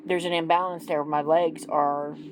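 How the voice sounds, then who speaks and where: A woman's voice: low-pitched, flat delivery, normal speed, low-quality recording. A woman in her forties doing a casual tarot reading, chatty and self-deprecating with frequent ums. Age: 40s. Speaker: tarot reader. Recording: music playing behind.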